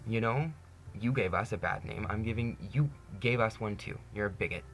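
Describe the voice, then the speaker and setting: Speaking at a moderate pace in a lowish voice, with slight background noise, a twenty-something Canadian vlogger addresses the camera in an earnest personal monologue. He's candid, laughs often, and says "you know" all the time.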